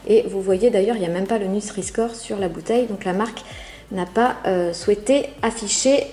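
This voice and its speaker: A woman's voice: mid-range voice, moderate pace, mellow, a little hiss or hum. A woman casually reviewing products from a subscription box, chatting with many hesitant fillers. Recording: roomy echo.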